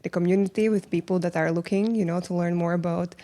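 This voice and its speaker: A young woman from Latvia, speaking English with a Latvian accent, recounts her path as a founder in a casual interview. Her voice sits on the low side, and her delivery is earnest and reflective. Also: fairly even intonation, fast, mellow. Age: young adult. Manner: earnest, thoughtful, non-native phrasing. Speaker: podcast guest, founder.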